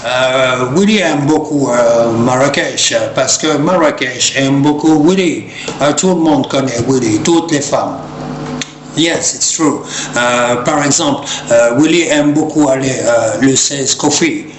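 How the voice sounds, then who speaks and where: American-accented man speaking halting, slow French. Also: mid-range voice. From United States. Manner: hesitant French mixed with English, refers to himself in third person. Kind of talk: humorous rambling monologue to camera. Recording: roomy echo, clear background noise.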